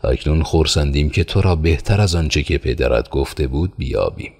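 A man's voice: rumbling low, expressive, darkish tone, husky, heavily acted. A man voicing a polite, earnest young male traveler in an audiobook.

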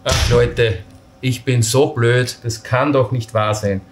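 A man's voice: mid-range voice, steady tone, slow. Casual man explaining gear in echoey space. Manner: casual, self-deprecating, talks while handling parts. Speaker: camping gear vlogger. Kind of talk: hands-on assembly tutorial. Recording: roomy echo with faint noise.

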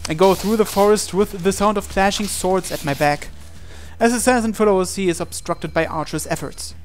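There's music behind this let's player as he dramatically voices a visual novel's on-screen text. He talks at an ordinary speed, his voice sitting high.

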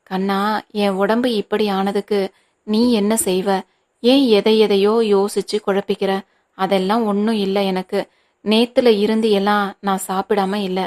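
A woman's voice: medium pitch, little pitch movement, unhurried, darkish tone, close to an everyday voice. A woman voicing a weary, tender mother. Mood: reassuring. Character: worried, tender mother reassuring her son.

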